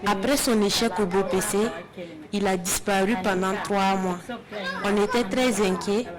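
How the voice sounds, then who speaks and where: A woman's voice: mid-range voice, fairly even intonation, normal speed, crowd noise. A woman, a parent, giving a relieved, thankful interview statement.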